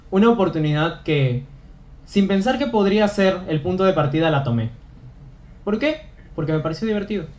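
A man's voice: on the high side, a little mellow. A young man giving an earnest motivational talk on stage, repeating phrases for emphasis. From Peru. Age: young adult. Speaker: student speaker. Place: auditorium stage.

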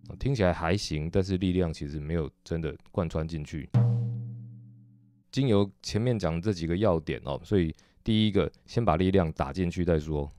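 A man with a Taiwanese Mandarin accent teaching drumming technique, explaining patiently and methodically with frequent soft "oh" fillers. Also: deep voice, normal speed, faint music behind. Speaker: drum teacher. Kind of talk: instructional explanation.

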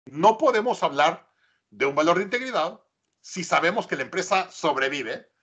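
A Mexican man leads a business workshop, his voice slightly husky and pitched a bit high. He talks in an animated way, full of stories and rhetorical questions. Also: normal speed. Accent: Mexican Spanish. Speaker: workshop speaker.

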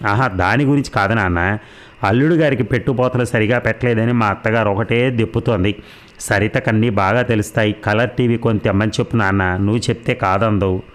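A man's voice: on the low side, brisk, natural voice. A man reading the part of a resentful young married daughter in a storybook, sarcastic and complaining. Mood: wheedling. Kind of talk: audiobook character reading.

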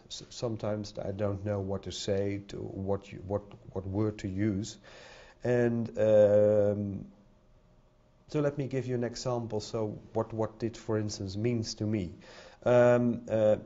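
Before an audience in a conference hall, a middle-aged man with a Dutch accent gives a halting podium talk packed with fillers and repeated words. His voice is fairly low and mellow, and the podium-mic recording is dull and lo-fi.

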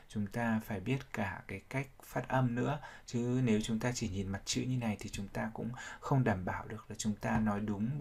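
A man's voice: fairly low pitch, gravelly, darkish tone, breathy edge. A man teaching English vocabulary, explaining each sound step by step and repeating words to drill them. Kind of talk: vocabulary pronunciation lesson.

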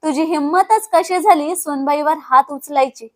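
A woman's voice: sits high, moderate pace, natural voice. A woman reading aloud voices an older mother-in-law who speaks with wounded anger. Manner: wounded, angry.

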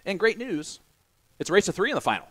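A man's voice: high voice, big pitch swings, quick pace, bright, forceful tone. A man from Indiana with an American accent, hosting casual, bantering darts commentary with a joking, teasing manner. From Indiana, United States. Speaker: stream commentator and host.

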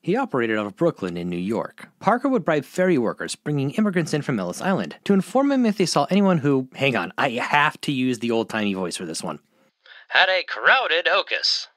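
A man's voice: fast, hardly any pauses, dry recording, studio quality. A man narrating a scripted history explainer in a playful, storytelling manner. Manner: playful, highly animated storytelling with wide pitch swings. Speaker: host of a history fact channel.

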